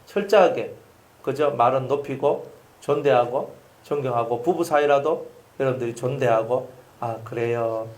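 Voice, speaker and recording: A man preaching a sermon as pastor, lively and acting out the voices he quotes. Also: mid-range voice, moderate pace.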